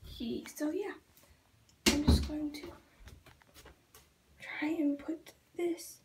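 A woman's voice: high-pitched, very slow, very noisy. A teenage girl whispering through a casual home prank vlog, rambling with lots of fillers. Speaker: vlogger.

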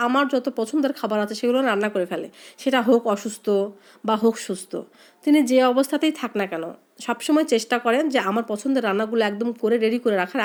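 Hoarse, fast-talking woman with a cold. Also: fairly high pitch. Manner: chatty, heartfelt, rambling storyteller. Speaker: cooking vlogger. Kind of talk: casual chat while cooking.

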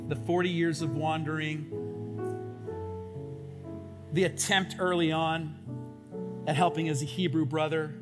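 A man with a notably high, youthful surfer-kid voice preaches a sermon in a church sanctuary. He talks informally and earnestly, slipping in plenty of "like" and "um". Music plays clearly beneath his words. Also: flat delivery, a little slow, pauses often. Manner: informal and earnest, acts out his own prayers; says "like" and "um" often. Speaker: pastor.

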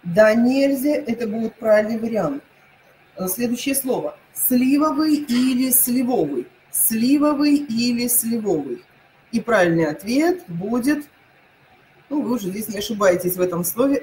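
A woman's voice: medium pitch, animated, darkish tone, poor audio. Woman teacher online, says each word twice, lots of uh, slight hiss behind. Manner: repeats each word pair slowly, many hesitations. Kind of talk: online lesson.

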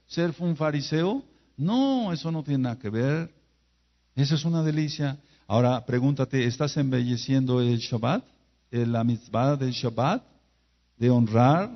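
A man preaches, firing rhetorical questions at his listeners and hammering phrases again and again. His voice sits at an ordinary middle pitch. The sound is dull and lo-fi, as from an old video recording. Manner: emphatic, rhetorical questions and repetition. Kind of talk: sermon.

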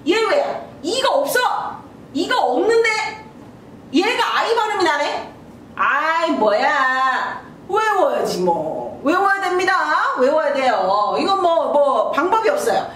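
A woman teaching a basic English lesson, who sounds out syllables slowly and acts out her students' questions. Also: sits high, big pitch swings, fairly bright tone, recorded from a distance. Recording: echoey room, voice from off mic, faint noise.

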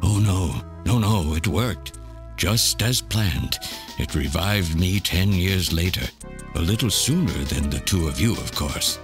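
Bitter and self-justifying, an old mad scientist speaks in an extremely low voice, giving a slow, theatrical monologue in the manner of a lonely video game villain over music. His intonation is lively and his mood grave and confessional.

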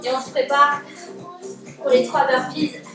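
A high-voiced woman leads a home workout as a fitness coach, giving short, motivating instructions. She is recorded from across a very echoey living room, with music behind her. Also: flat delivery, unhurried, far from the mic. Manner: motivating, calling out short commands and counts. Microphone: distant camera microphone.

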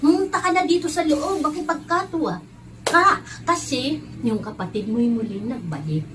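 A loving old father calls out warmly and eagerly, overjoyed to welcome his son home, as a woman telling a Bible story puts him on. The voice sits high and bright, and it is told for children. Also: expressive, moderate pace, noisy background. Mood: coaxing. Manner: warm, calling out loudly.

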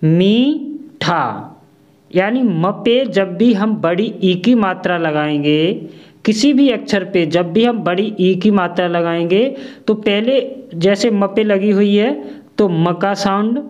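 A man giving a reading lesson for children, sounding out each syllable clearly and repeating every word. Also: high-pitched, expressive, slow pace, a little mellow, lo-fi sound. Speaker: teacher.

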